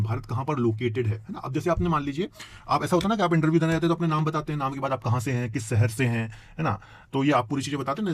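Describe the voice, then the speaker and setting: A man's voice: mid-range voice, darkish tone. A man teaching a geography lesson to students, explaining with questions he answers himself and tagging his lines with "है ना". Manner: explains with questions, frequent tag "है ना". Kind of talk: classroom lecture.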